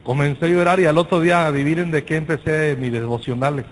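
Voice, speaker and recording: Animated Mexican man preaching. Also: on the high side, fast talker, a little hiss or hum, low-quality recording. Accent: Mexican Spanish. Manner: animated storytelling with shouted exclamations and slang. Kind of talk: sermon with personal story.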